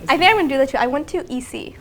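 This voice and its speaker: Young female contestant, high pitch, soft-spoken, agreeable. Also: expressive, very fast. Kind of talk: casual group chat.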